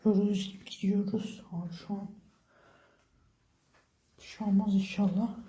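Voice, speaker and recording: A man's voice: sits high, flat delivery, normal speed, warm tone. A young man vlogging on his phone, frightened and exclaiming as he keeps talking to his viewers. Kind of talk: scared horror vlog, whispered asides.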